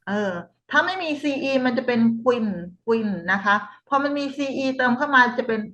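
A woman with a Thai accent tutoring a child in phonics, sounding out English words slowly and patiently. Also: on the high side, a bit bright. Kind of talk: phonics lesson. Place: home tutoring room. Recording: dull lo-fi recording.

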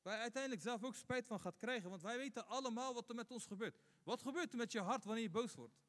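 A man's voice: extremely high pitch, quick pace, a bit bright. A man giving a Friday sermon as imam, asking rhetorical questions and repeating points for emphasis. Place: mosque. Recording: long hall reverb.

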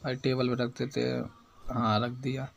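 A young man giving casual, excitable gameplay commentary, chatting in slang and scolding the game's baby character. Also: medium pitch, normal speed, creaky. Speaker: gaming YouTuber.

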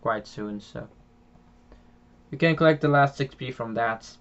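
Speaking at a measured pace in a mid-range voice, a young man from the Netherlands with a Dutch accent rambles through gameplay on his gaming channel, full of fillers, restarts, and frequent chuckles. His home mic gives a lo-fi sound.

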